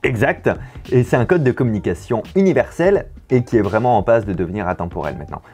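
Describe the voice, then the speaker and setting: A man's voice: lowish voice, expressive, fast talker, darkish tone, husky, soft background music. A man in his thirties hosting a casual educational video, explaining a memory trick and often repeating words as he goes.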